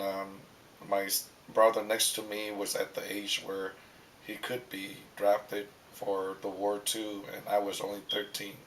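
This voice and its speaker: A middle-aged man from Vietnam, recalling his youth in an oral history interview, in a halting way full of ums and uhs. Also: on the low side, slight background noise, rough recording.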